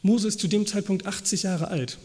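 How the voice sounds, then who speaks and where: A man's voice: sits high, moderate pace, a little mellow, slight background noise. A man giving a sermon, vividly acting out the voices of biblical figures as he retells their stories. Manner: acts out biblical dialogue in quoted voices. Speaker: preacher. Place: church hall. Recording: long reverb of a church hall.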